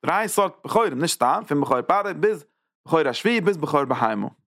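A man teaching a Torah lecture as a rabbi, repeating phrases and checking in with quick "ja?" asides. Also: on the high side, lively intonation, creaky, a bit bright, dry recording, studio quality. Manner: tags points with quick "ja?" checks; repeats and restarts phrases while building an idea.

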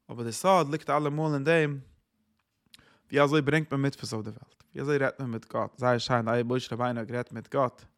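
A man's voice: medium pitch, steady tone, a little fast. A man giving a Torah sermon as a rabbi, preaching earnestly in a singsong cadence that swells when he quotes verses.

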